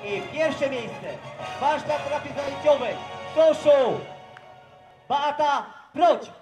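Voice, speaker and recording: A man calls out results through a megaphone, his very high voice spreading in echo. He reads names slowly and formally and keeps asking for attention. Music plays behind him. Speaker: event announcer. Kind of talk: announcing competition results. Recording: echoey loudspeaker sound with music behind.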